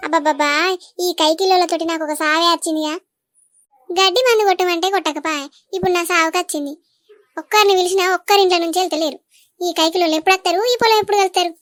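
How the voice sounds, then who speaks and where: A woman's voice: extremely high pitch, steady tone, rapid-fire, fairly bright tone, faint music behind. A woman voicing an impatient, complaining village farm owner with a Telangana accent. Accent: Telangana Telugu.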